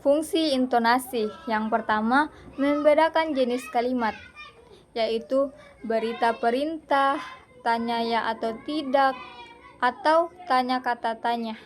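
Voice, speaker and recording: Young woman from Indonesia, student presenter, slightly high voice, measured read-aloud lesson delivery. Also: a little hiss or hum. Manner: measured, deliberate reading with pauses.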